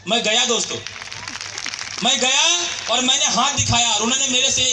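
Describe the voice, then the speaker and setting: A man's voice: extremely high pitch, normal speed, background noise. A man giving a motivational storytelling speech at a company event, addressing the crowd as friends and asking them questions. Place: large event hall. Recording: echoey hall.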